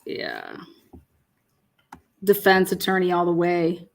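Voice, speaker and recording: Female co-host, casual stream chat, animated delivery, laughs a lot, salty language. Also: lowish voice, takes it slowly, vocal fry. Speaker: livestream co-host. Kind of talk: casual livestream chat reading viewer comments.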